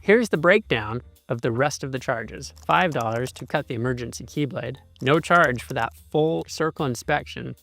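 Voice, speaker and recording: A man's voice: medium pitch, expressive, normal speed, vocal fry, few pauses, fairly bright tone. A man hosting and narrating a consumer investigation with an emphatic, indignant delivery. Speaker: video host and narrator. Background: music.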